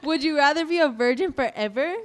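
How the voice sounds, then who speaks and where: A woman's voice: high-pitched, fairly quick. A young woman hosting a casual podcast chat, teasing her friends with would-you-rather questions and laughing often. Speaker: host.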